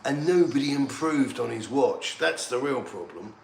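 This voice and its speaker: A man, a little tipsy, giving excitable, rambling banter while streaming a football match. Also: mid-range voice, normal speed, vocal fry. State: slightly tipsy. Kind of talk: casual live match commentary. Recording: echoey room, faint background noise.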